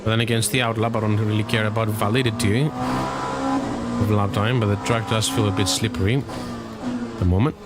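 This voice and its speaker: Low-voiced man muttering while sim racing. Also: fairly even intonation, moderate pace, gravelly, pauses often, loud music behind the voice. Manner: mutters to himself, swears casually. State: voice cracking a little. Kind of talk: casual gameplay commentary. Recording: loud race car engine noise. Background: loud race car game audio.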